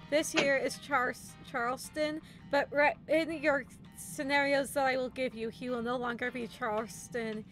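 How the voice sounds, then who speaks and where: High-voiced woman hosting a game show. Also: a bit bright. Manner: chatty, laughing often, announcing questions and scores.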